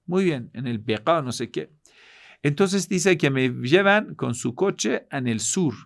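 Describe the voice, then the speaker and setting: Man giving a lively religious lecture. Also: medium pitch. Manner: lively storytelling, swings between loud emphasis and quiet asides. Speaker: Islamic cleric and teacher.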